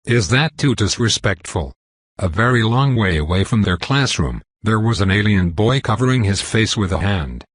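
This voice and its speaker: A male narrator reads a story aloud in a steady, flat manner. His voice sits low with a husky edge. The recording is dry and close, with no room sound. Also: moderate pace, few pauses, dry recording. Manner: even, flat reading that voices symbols aloud. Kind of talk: audiobook narration.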